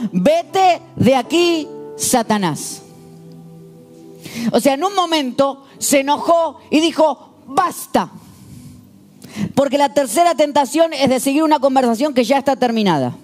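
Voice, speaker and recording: Pastor preaching, animated storytelling, soft music behind. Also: male voice, very high-pitched. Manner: animated, storytelling, shifts into quoted voices. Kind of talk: sermon.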